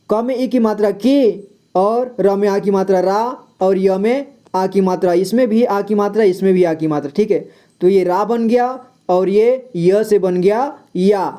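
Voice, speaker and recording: A man's voice: high voice, mellow. A man teaching beginners to read Hindi, patiently sounding out each word letter by letter, then repeating it and asking the listener to say it back. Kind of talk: slow reading lesson for beginners.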